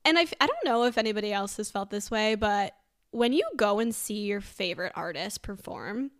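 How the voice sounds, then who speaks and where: A young woman co-hosting a podcast in casual chat. She is excitable and often laughs as she retells what people said. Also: medium pitch. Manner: excitable, quick bursts of laughter between retold dialogue. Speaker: podcast co-host.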